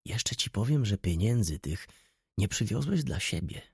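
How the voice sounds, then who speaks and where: A man reading an audiobook, voicing an old, dreamy and loyal male shop clerk who speaks gently and probingly. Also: lowish voice, sing-song, normal speed, vocal fry, husky, dry recording, clean studio sound, full character voice.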